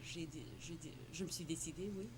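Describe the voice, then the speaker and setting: A woman with a low, brisk, fairly even voice answers interview questions in French; she is an entrepreneur raised in Morocco whose first language is Tamil. The conversational exchange has a noisy background, and she hesitates, repeats words, restarts, uses many fillers, and laughs often.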